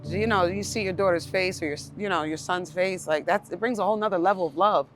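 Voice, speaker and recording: A woman's voice: on the low side, quick pace. A middle-aged woman talking openly and emotionally as an interview guest, chatting on a porch outdoors. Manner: emotional, talkative, laughs often. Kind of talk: casual outdoor conversation.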